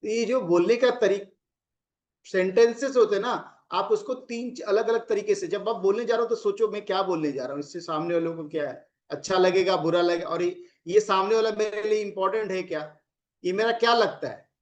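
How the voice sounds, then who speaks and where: High-voiced man giving relationship advice. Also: a little fast, dull audio. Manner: explains with acted examples of angry phrasing. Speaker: relationship coach. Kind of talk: casual advice talk.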